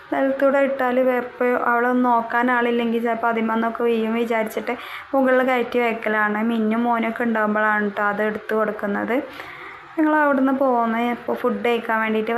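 A woman's voice: on the high side, slight background noise, rough recording. A young woman, narrating her household chores in a casual, chatty voice-over and often tagging a word onto the end of her sentences. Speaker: vlogger.

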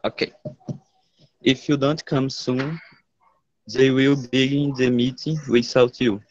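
Slow, hesitant Brazilian student. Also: male voice, medium pitch, steady tone, a little hiss or hum. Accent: Brazilian Portuguese. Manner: hesitant, brief answers. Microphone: video call. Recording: dull lo-fi online call audio.

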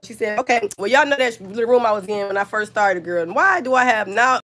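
A woman's voice: a little high, animated, brisk, bright, forceful tone. Woman host, sick and scratchy-voiced, chatting loosely to live viewers on a phone. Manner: chatty, talks straight to viewers, many fillers. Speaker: crafter hosting a live stream. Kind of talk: casual live-stream chat and tutorial.

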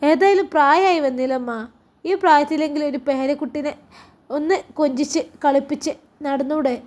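A woman voicing a grown son who calmly reasons with his mother, in a Malappuram Malayalam accent. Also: high voice, normal speed, close to an everyday voice. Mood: reassuring.

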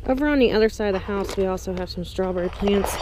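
A woman vlogger chats casually as she walks through her garden, pausing between short phrases in a medium-pitched voice. She moves between a small greenhouse and an open farm garden outdoors, recorded on an action camera's built-in mic, worn or handheld. Clear ambient outdoor noise sits in the background of the handheld footage.

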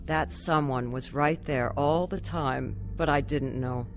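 The lead actress narrates a radio drama in first person, playing a troubled wife and mother who confesses her life story earnestly and with regret. Her deep voice keeps a measured pace over soft background music.

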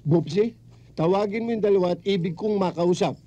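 A man's voice: high-pitched, fairly quick, warm tone. An actor playing a brusque, commanding male boss in a slapstick comedy. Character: gruff, bossy male gang boss.

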